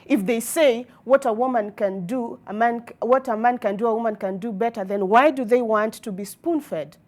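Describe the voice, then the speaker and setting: A Kenyan woman debates on a television talk show in a fairly high voice. She argues emphatically and favours formal, wordy phrasing as she presses her opinion. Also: moderate pace, darkish tone.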